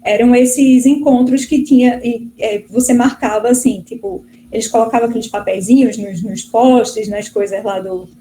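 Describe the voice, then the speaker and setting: A woman's voice: fairly high pitch, steady tone, moderate pace, hardly any pauses, mellow, rough recording. A middle-aged woman from Brazil, a guest professor answering interview questions in a chatty way, full of fillers and restarts. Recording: faint background noise.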